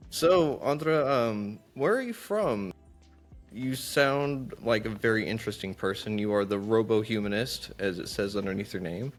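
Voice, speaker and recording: A man's voice: fairly low pitch, moderate pace, soft background music. A man hosting a podcast interview, talking in a friendly, candid, conversational way. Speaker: podcast host. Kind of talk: casual interview chat.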